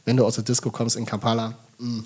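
A husky-voiced man from Swabia chats as a podcast guest, telling stories with lively enthusiasm. He swears casually and tosses in English phrases. His delivery is relaxed and conversational. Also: mid-range voice, quick pace. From Swabia, Germany. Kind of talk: casual chat.

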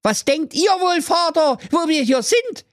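A man's voice: very high voice, expressive, unhurried, no echo, clean studio sound, voice pushed up. A man voicing the youngest son, a theatrical magician who chants spells, in a radio comedy fairy tale. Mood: grand. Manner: theatrical, grand, incantatory.

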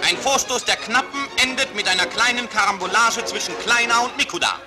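This is a man's voice from an old newsreel soundtrack. He calls the match in a brisk, declamatory announcer manner with a strikingly high voice. Loud music plays under the whole commentary. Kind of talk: 1950s newsreel sports commentary.

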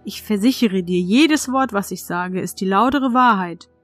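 A woman voicing a kindly, croaking female crow who speaks haltingly and deliberately. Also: medium pitch, no echo, faint music behind, lightly acted. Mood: croaky, earnest.

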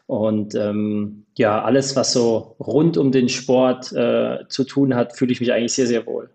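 Guy in his 30s, soft mellow voice, casual interview chat, lots of ums and pauses. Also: mid-range voice, steady tone, creaky. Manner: hesitant, filler-heavy. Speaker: podcast guest, football referee.

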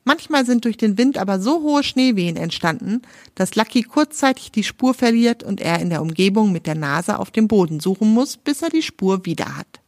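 A woman's voice: medium pitch, lively intonation, normal speed, hardly any pauses, dry recording, studio quality. A woman from Germany, hosting a children's podcast, reading a story aloud and talking directly to the young listener in a friendly way.

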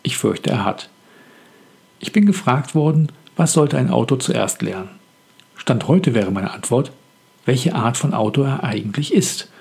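A man hosts a scripted podcast on writing, and his voice is deeply husky with a rough, gravelly texture. He speaks in a calm, reflective and measured way, at a middle pitch. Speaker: author and podcast host.

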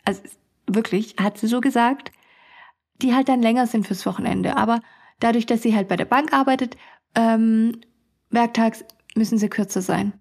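This podcast host, a young woman who runs a beauty studio, shares funny stories in a chatty way, laughing a lot and imitating her customers. She speaks at a moderate pace in a slightly high, slightly mellow voice with vocal fry, pausing often. It's a casual storytelling podcast.

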